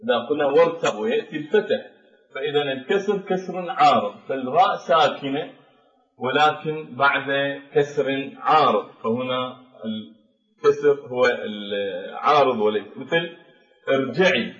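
A man gives a tajweed lesson, spelling out pronunciation rules at a slow, deliberate pace and repeating each example. His voice sits in a middle register and carries a roomy echo. The recording is dull and lo-fi. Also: mid-range voice, fairly bright tone, recorded from a distance. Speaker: Quran recitation teacher. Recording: dull echoey room recording.

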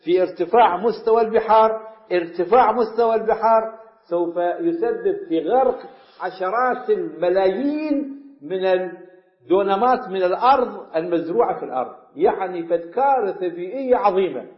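A man preaching a sermon, telling stories that drop to a hush and rise for emphasis. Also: sits high, animated, moderate pace. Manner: storytelling, dropping to hushed tones and rising in emphasis. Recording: echoey, dull lo-fi recording.

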